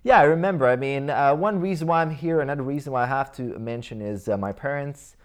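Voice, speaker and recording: This is a fast-talking man with a mid-range voice, in his thirties, whose native language is Croatian and who comes from the Croatia/Bosnia region. As a guest in a relaxed life-story interview, he chats about his past in a Croatian accent, rambling and restarting often with plenty of fillers.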